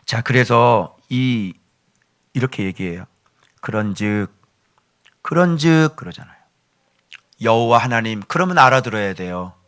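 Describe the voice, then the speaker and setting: A male pastor giving a sermon in an animated way, with joking asides to his congregation. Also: mid-range voice, moderate pace, long pauses.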